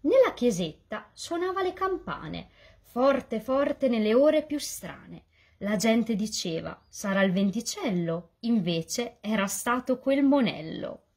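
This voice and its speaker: A woman reading a rhyming children's story aloud as a volunteer reader, in a lively, sing-song delivery. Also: on the high side, slow, slightly rough.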